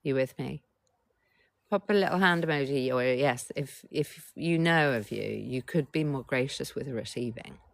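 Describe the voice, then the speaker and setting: A woman's voice: very deep voice, normal speed, creaky, no room sound. A middle-aged woman coach hosting a casual live stream, talking bluntly, swearing freely, and keeps urging viewers to reply in the chat.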